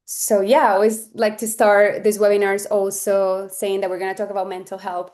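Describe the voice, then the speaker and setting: A Colombian woman in her thirties presents on a webinar over a video call, her voice medium-pitched and somewhat dark. She's earnest but loose and personal, with fillers and restarts.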